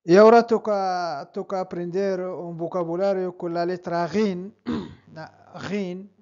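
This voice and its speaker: A male language teacher with a fairly high voice leads an online lesson at a very slow pace. He repeats words patiently for the learner. The recording sounds dull and lo-fi. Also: fairly even intonation, a little mellow. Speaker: Arabic teacher.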